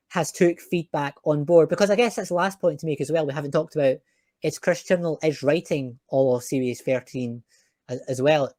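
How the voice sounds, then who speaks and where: A man's voice: fairly high pitch, darkish tone, no echo, studio quality. A man hosting a podcast, chatting in an opinionated, chatty way with some fillers. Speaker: podcast host. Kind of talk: casual chat.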